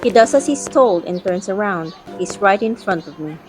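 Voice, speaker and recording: A woman's voice: mid-range voice, animated, normal speed, natural voice. A woman playing a guarded, feisty young woman, narrating an audio drama in the first person and voicing her dialogue. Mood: reflective. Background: background music.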